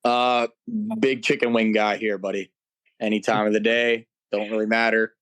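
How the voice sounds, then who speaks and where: A man's voice: fairly low pitch, flat delivery, normal speed, a bit bright, smooth. A man in his twenties, a laid-back panel guest in a casual chat. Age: 20s.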